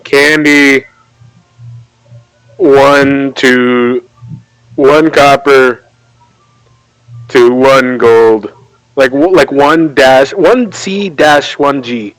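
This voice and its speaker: A man's voice: medium pitch, drawn-out words, long pauses, fairly bright tone, clean tone, no room sound, faint music behind, low-quality recording. A man playing in a tabletop game, casual and playful. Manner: playful, laughs often. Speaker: player.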